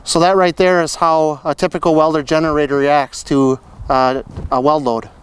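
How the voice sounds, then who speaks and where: A man's voice: a little high, level tone, moderate pace, smooth, low-quality recording. A middle-aged man, a product manager, explaining a demonstration step by step in an upbeat way, recorded outdoors on a paved lot with a clip-on mic. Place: outdoor paved lot beside open fields. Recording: outdoor recording with loud engine noise. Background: running generator engine.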